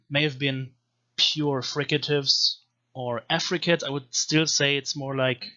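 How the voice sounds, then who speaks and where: Guy teaching how to sound out old syllables one at a time, kinda sharp bright voice, muffled lo-fi audio. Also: mid-range voice. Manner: slowly spells out syllables one by one. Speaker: language teacher. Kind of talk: explanatory video lecture.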